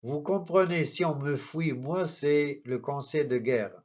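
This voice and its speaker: A man reading the lines of a wary, grumbling male prison guard in a gruff, reluctant voice. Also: a little high, measured pace. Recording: dull lo-fi recording.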